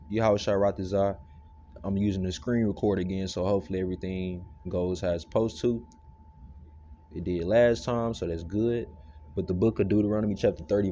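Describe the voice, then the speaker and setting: A man's voice: lowish voice, dark tone. A man giving a casual, rambling scripture lesson full of fillers. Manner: loose, rambling, many fillers. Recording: dull lo-fi recording with hum. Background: freezer motor hum.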